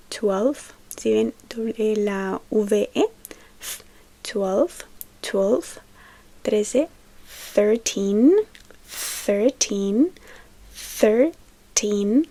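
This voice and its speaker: A woman giving a slow, gentle, soft-spoken ASMR lesson, explaining patiently and checking in often. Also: medium pitch, creaky. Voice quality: soft, partly whispered. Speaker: English teacher.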